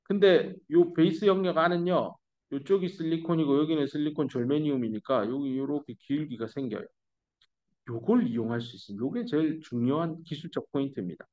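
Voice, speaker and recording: A man's voice: fairly high pitch, lively intonation, a little fast, a little mellow. A middle-aged male professor giving a lecture, explaining step by step and mixing English technical terms into casual asides. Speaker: university professor. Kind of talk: recorded lecture. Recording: dull lo-fi classroom recording.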